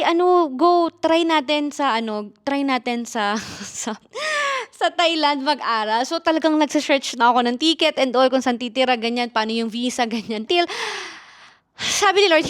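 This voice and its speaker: A woman's voice: high-pitched, fairly bright tone. Emotional young Filipina telling her story. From Philippines. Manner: emotional storytelling, switching between Tagalog and English. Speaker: podcast host. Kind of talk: personal faith testimony.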